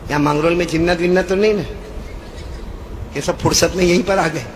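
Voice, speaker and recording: A man preaching a storytelling sermon, calling on the crowd to answer and swinging between shouting and hushed, low talk. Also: steady tone. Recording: noisy recording.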